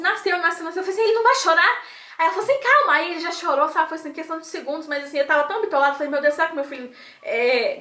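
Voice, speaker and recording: A woman's voice: sits high, bright, forceful tone, reverberant. A young woman from Brazil with a Brazilian Portuguese accent, casually telling viewers her birth story in a chatty vlog style, restarting her sentences often. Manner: chatty, many restarts, talks straight to viewers.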